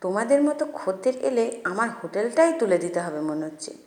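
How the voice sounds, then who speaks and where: A woman's voice: mid-range voice, sing-song, brisk, darkish tone, echoey room, natural voice. A woman voicing a grumpy, stingy older male hotel manager who blusters and scolds. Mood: blustering.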